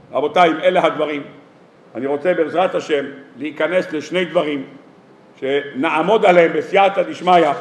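A rabbi giving a weekly sermon to an audience, lively and humorous, firing off rhetorical questions and acting out everyday dialogues. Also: male voice, sits high. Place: lecture hall or synagogue. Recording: echoey hall sound.

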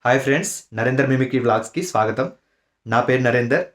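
A man's voice: mid-range voice, fast. Polite male vlog host. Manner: polite, relaxed, with hesitation fillers. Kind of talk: casual channel intro.

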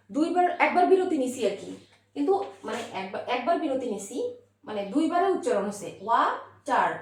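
Lively high-voiced woman teaching, echoey room. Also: distant mic, slight background noise. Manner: lively, questioning, drawn-out word demonstrations. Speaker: English teacher. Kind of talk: classroom grammar lesson.

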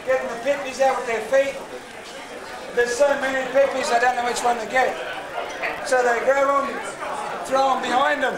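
Man, very high voice, dance announcer at a party, chatty, coaxing the crowd, echoey hall, far from the camera, crowd noise. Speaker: dance performer. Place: large club function room at a party.

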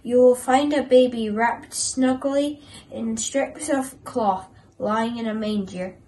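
A calm angel, read by a woman close to her own voice, brings the news in a gentle, measured, unhurried way. Its voice sits slightly high and has a homely storybook feel. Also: low-quality recording. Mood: reassuring. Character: calm, reassuring angel messenger.

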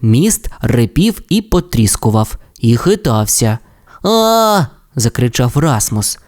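A man narrating a children's story with playful, expressive delivery. His voice swoops up and down as he tells it, sitting at a middle pitch. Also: unhurried.

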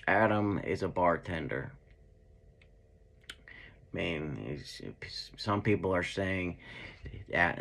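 A young man commenting casually on news clips, talking back to them with hesitant restarts, in a dark room indoors. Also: low-pitched, gravelly. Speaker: true crime commentator.

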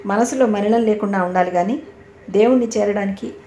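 Woman reading as a gentle teasing young husband. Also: mid-range voice, brisk, lightly acted. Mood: tender. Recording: echoey room, faint background noise.

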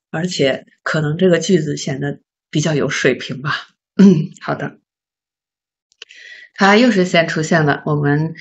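A woman teaching a beginner English lesson, patiently asking learners questions and sounding out words slowly. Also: sits low, slightly rough. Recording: slightly dull lo-fi recording.

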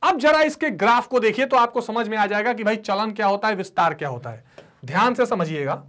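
Male teacher with a lively, swooping delivery. He works in call-and-response, has students repeat key terms, and answers for them himself. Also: high-pitched, brisk. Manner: voices students' replies to himself; mixes English terms into his explanation. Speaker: economics teacher. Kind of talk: online classroom lecture.

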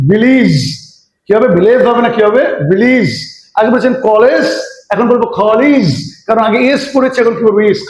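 A man giving a spoken pronunciation lesson, drilling word lists slowly and quizzing his students with repeated questions. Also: high voice, dull audio. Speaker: English teacher. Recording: roomy echo.

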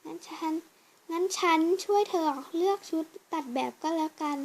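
Very high-pitched woman acting a fan drama. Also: moderate pace. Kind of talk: fan voice drama with many roles.

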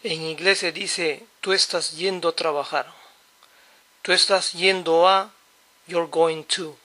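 A man's voice: a little high, fairly even intonation, takes it slowly, sharp tone. A man teaching English basics in Spanish, patiently explaining and repeating example phrases. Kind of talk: slow, explanatory lesson.

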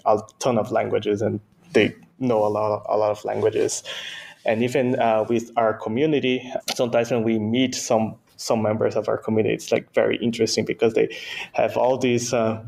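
With a voice on the low side, marked by vocal fry and a little mellow, a Brazilian guest engineer who speaks Portuguese natively answers an interviewer conversationally. He hesitates often and repeats words.

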